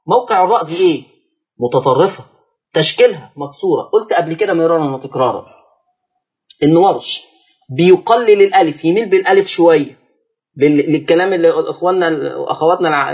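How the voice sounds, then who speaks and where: A man with an Egyptian accent teaching Quran recitation on a broadcast lesson, quizzing the listener and then answering himself, and drawing out the recited words slowly to demonstrate. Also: on the high side, husky, highs cut off. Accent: Egyptian Arabic.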